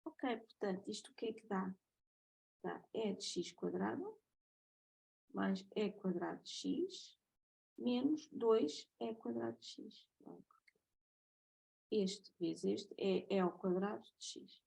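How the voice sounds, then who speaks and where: Speaking slowly with long pauses, this woman lecturer, who has a European Portuguese accent, takes her students through a math lesson methodically and checks on them frequently. Her medium-pitched voice is husky and mellow, with a gravelly creak and lively intonation, heard on a rough recording.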